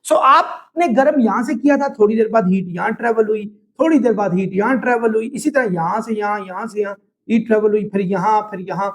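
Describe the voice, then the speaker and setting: A man with a Pakistani Urdu accent teaches a physics lecture, explaining step by step, addressing his students directly, and slipping into English phrases. His high voice runs a little fast with hardly any pauses, and the audio is poor.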